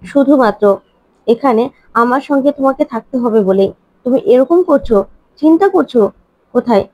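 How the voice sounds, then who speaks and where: A woman's voice: high-pitched, warm tone, no echo. Hurt, insistent man, as a woman reads him. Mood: reproachful. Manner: pleading, rapid, reproachful questions. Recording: dull lo-fi, dry.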